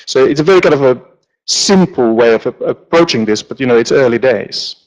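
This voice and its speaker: A man's voice: medium pitch, a little fast, highs cut off. Guy on stage in a big auditorium, lighting designer giving a laid-back talk, lots of ums, jokes around, ordinary mid voice. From Finland. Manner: relaxed, joking, with frequent fillers. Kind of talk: conference presentation.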